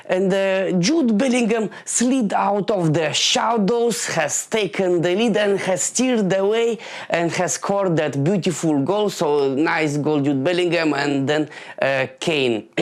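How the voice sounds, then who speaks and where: His voice sits high as this late-twenties man from Moldova works through a stand-up routine. The delivery stumbles, with frequent fillers and false starts.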